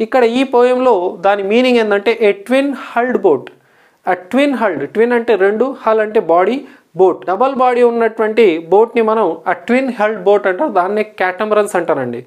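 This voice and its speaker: In a recorded vocabulary lesson, a woman with a Telugu accent teaches English words slowly, spelling each one letter by letter and repeatedly making sure the class is following. Her voice sits at a medium pitch with a somewhat dark tone.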